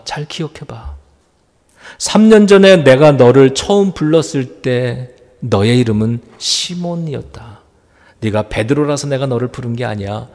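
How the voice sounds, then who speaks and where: A male pastor voicing a gentle male spiritual teacher who consoles a disciple in soft, quiet, slow speech. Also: mid-range voice, pitched below the performer's own voice. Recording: long reverb in a church hall.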